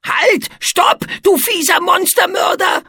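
A man voicing a small, boastful, mischievous male ink monster with three legs, in a squeaky, gleeful voice. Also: sing-song, slow, slightly rough, heavily acted. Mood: gleeful boasting. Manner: squeaky, gleeful, shouting and singing.

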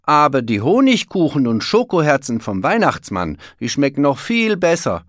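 A man's voice: a little high, moderate pace, no echo, clean studio sound, pitched above the performer's own voice. A man voicing a teasing, know-it-all young male wolf in a children's storybook reading. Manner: teasing, lively. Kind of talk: storybook read-aloud.

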